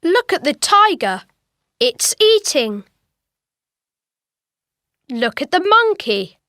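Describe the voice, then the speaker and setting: Female reader for children's audio, very high voice, slow, dry studio. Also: no echo. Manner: clear, expressive reading. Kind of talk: children's listening exercise.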